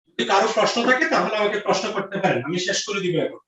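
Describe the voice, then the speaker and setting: A man's voice: sits high, animated, fast, fairly bright tone. A man teaching a grammar lesson, repeating each question and answer and checking with his students. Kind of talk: online grammar lecture. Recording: roomy, distant, dull lo-fi audio.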